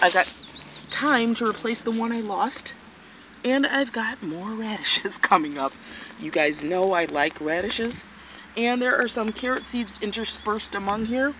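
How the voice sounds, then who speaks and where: A woman walks through her backyard garden with a handheld phone, talking in a chatty, excitable way and poking fun at herself. Her voice sits in a middle pitch range. The outdoor phone audio carries clear background noise and the sound of passing vehicles. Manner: chatty, excitable, self-deprecating. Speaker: gardening vlogger. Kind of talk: casual garden tour. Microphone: handheld phone camera.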